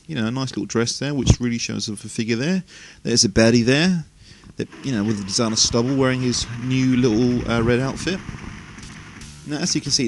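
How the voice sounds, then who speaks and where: A man's voice: medium pitch, background noise. A man hosting a retro gaming video, talking through gameplay in a chatty, rambling way full of asides, sounding a little tired and out of breath. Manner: chatty and rambling, frequent "you know" asides. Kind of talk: casual gameplay commentary.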